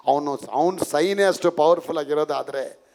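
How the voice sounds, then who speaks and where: A man's voice: a little high, moderate pace, darkish tone. A man preaching a charismatic sermon to a congregation, emphatic and full of rhetorical questions, slipping English phrases in.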